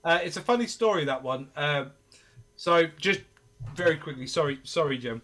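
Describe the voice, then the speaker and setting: Halting man chatting on a video call. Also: fairly high pitch, animated, sharp tone. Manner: halting, repeats words while thinking aloud. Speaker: lead singer and guitarist of a soul band. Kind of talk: casual live-stream chat.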